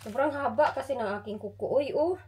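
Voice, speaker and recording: A woman's voice: high voice, brisk, darkish tone, a little hiss or hum. A middle-aged Filipino woman with a Filipino accent, chatting casually in a home vlog and telling stories while switching between languages. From Philippines. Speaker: vlogger.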